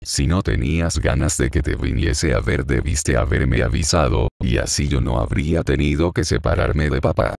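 A proud teenage girl who scolds sharply and impatiently, as a man reads her part. The voice sits very deep and rough with heavy gravel, and the sound is close and dry. It is a storybook reading. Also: moderate pace, few pauses, darkish tone, dry recording, heavily acted. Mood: impatient, scornful.

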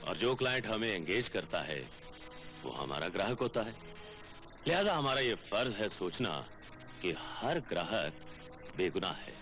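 An actor playing a cynical middle-aged senior lawyer who lectures slowly and slyly, in 1980s film drama dialogue. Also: male voice, fairly low pitch, very animated, a bit bright, lo-fi sound, soft background music, full character voice. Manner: lecturing, sly, drawn-out delivery. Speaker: senior lawyer heading a law office.

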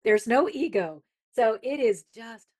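A woman guest gives inspirational talk over a remote call. Her voice sits a little high, and she hammers points home by repeating key words. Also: animated, a little slow, a little mellow. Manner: emphatic, repeats words for stress. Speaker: guest, spiritual healer.

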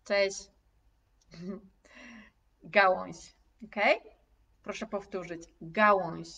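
A woman teacher giving a live online lesson, drawing out every word at a very slow, deliberate pace. She articulates each sound with care and repeats words for her students. Her voice sits a little back from the mic. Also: fairly low pitch, fairly even intonation, creaky, bright, forceful tone, distant mic, lo-fi sound. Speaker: language teacher. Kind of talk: live online lesson, reading chat comments aloud.

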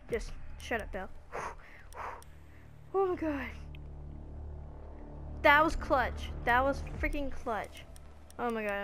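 A young woman commenting on her own console match, excitable and often gasping in disbelief. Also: fairly high pitch. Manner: excitable, keeps gasping oh my god. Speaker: gaming channel host. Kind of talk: live gameplay commentary. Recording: noisy game audio mixed in.

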